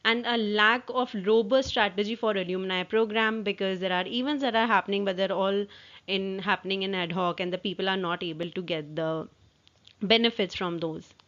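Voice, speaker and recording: Woman in dull lo-fi audio, halting presentation. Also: mid-range voice, fairly even intonation, a bit bright. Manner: halting, with repeated false starts. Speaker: presenter walking through own work assignment. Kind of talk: informal slide walkthrough.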